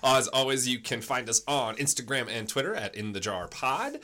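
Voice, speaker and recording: A woman's voice: extremely low pitch, animated, normal speed, pushed and bright. A young woman hosting a podcast, friendly and easily amused in casual chat. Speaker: podcast host.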